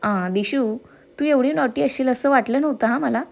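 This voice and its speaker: A woman's voice: high-pitched, moderate pace, creaky, pitched above the performer's own voice. A woman voicing a playful, teasing young man in a romance story, with a slightly raised voice. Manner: teasing, jokey.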